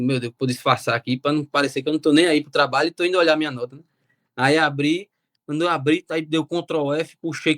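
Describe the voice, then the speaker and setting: Fast-talking young man. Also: on the high side, no room sound, studio quality. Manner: animated, quotes himself and relatives. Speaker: interview guest. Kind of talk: casual storytelling.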